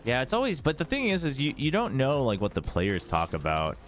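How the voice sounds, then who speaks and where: On a casual esports livestream with soft background music, a US man with an East Coast accent chats informally at a brisk clip. His medium-pitched voice swoops wildly up and down as he works as watch party host and analyst.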